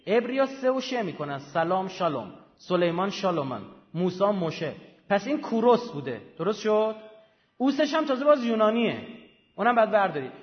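A man lecturing to a live audience, emphatic and often checking that listeners follow with short questions. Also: high voice. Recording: dull lo-fi sound with long hall reverb.

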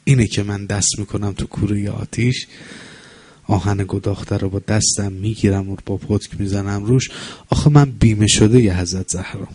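Devout blacksmith, done by a male preacher: husky, low-set, sincere. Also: mellow, dry recording. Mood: fervent. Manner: earnest storytelling confession. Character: humble devout male blacksmith, middle-aged.

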